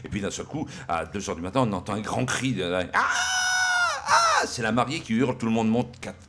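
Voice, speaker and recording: A man's voice: fairly low pitch, lively intonation, over a noisy crowd, heavy background noise. A man telling a rural joke at a comedy round table, stumbling over his words and restarting often. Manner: halting, many restarts, admits he cannot do accents.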